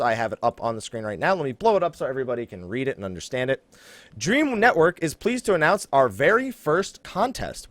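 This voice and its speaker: On his casual gaming podcast, a New Jersey-born American man with a voice on the high side jokes informally through his announcements, often breaking off to laugh and ad-lib. There's no echo on the recording.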